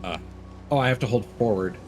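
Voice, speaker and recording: This man's voice runs on the low side and brisk as he streams a game, tossing out meandering, casual remarks packed with filler words and offhand cursing. The game's guitar soundtrack can be heard in the background.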